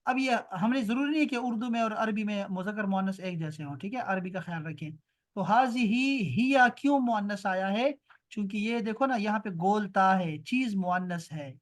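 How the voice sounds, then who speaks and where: A man teaching an online language lesson over a video call. He repeats each word slowly, explains it, then hurries through quick asides. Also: high-pitched. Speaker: Arabic teacher.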